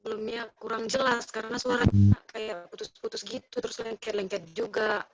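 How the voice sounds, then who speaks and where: A woman's voice: a little high, wildly swooping pitch, fairly quick, vocal fry. A woman student speaking plainly over a choppy online class call. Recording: dull distant call audio.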